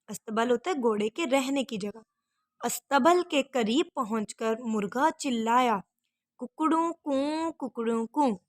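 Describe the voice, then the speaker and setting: A woman's voice: a little high, fairly bright tone, no room sound. A woman teacher reading a story and then explaining a lesson to children, patiently repeating difficult words. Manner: addresses pupils as "beta".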